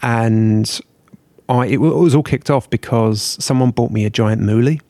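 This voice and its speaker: A man's voice: medium pitch, normal speed, dark tone, no echo. A man rambling on in a casual chat, self-deprecating and sweary.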